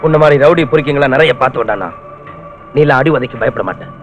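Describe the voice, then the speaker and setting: A man's voice: mid-range voice, fast, dull audio, lightly acted. A man playing a bullying, hot-tempered cop. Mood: aggressive. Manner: aggressive, interrogating, taunting. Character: bullying hot-tempered male police officer. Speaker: police officer. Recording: film soundtrack with music.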